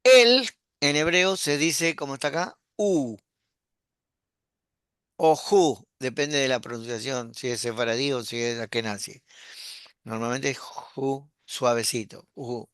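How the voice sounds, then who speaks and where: Patient man teaching, bright dry voice. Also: mid-range voice, smooth, dry recording. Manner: patient, explanatory, repeats words slowly. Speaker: pastor teaching a Hebrew class. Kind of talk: online class lesson.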